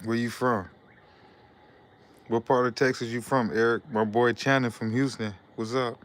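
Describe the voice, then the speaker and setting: Reading viewer comments on his laid-back live stream, this young Detroit man talks loosely and repeats himself. His voice is smooth, clean and fairly even in pitch, moving at normal speed.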